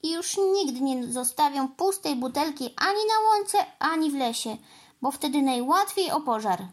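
A woman's voice: high-pitched, expressive, moderate pace, voice pushed up. A woman reading a storybook, voicing a mischievous young village boy in a whiny, complaining way. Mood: contrite.

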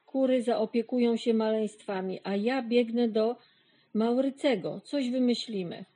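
A woman's voice: on the high side, a little slow, mellow, low-quality recording. A woman voicing an eager, friendly young male dog who leads the farm animals in a storybook reading. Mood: eager, bossy.

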